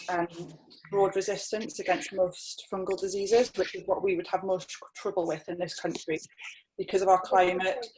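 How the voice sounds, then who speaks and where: A woman's voice: fairly low pitch, slight background noise, poor audio. Hesitant woman winemaker from North East England. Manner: hesitant, many fillers and restarts. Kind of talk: webinar tasting talk.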